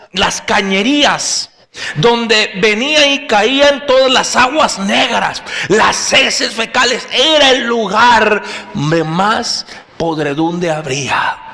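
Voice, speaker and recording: A man's voice: high voice, bright, forceful tone. A male pastor preaching an impassioned sermon and calling out to his listeners as brothers, recorded in a church hall. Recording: long hall reverb.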